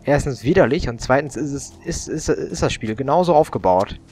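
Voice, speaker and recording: A man's voice: mid-range voice, lively intonation, fairly quick, darkish tone, husky, soft background music. A young man doing casual gaming commentary, grumbling and swearing as he plays. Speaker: let's player.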